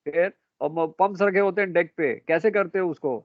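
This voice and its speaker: A man's voice: high-pitched, normal speed. A middle-aged man, lecturing a class and quizzing his students, calling them beta and bhai. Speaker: marine engineering teacher. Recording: dry tinny phone-like classroom recording.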